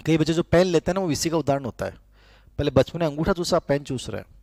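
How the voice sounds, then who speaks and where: A man's voice: on the high side, lively intonation, fast, vocal fry, a little mellow, dry recording. A middle-aged man, teaching a lecture in a conversational way and repeating key terms so students can write them down. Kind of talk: classroom lecture with dictation.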